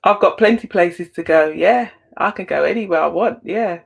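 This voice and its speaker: A woman from Antigua, a guest in a casual online chat, talking lively and bantering playfully over a video call. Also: on the low side, normal speed, vocal fry.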